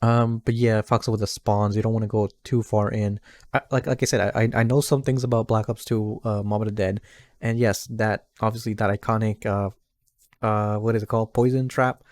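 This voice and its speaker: A man's voice: fairly low pitch, fairly even intonation, fairly quick, darkish tone, no room sound. A man talking casually as a streamer reacting to a video, rambling and repeating himself. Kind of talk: casual live reaction commentary.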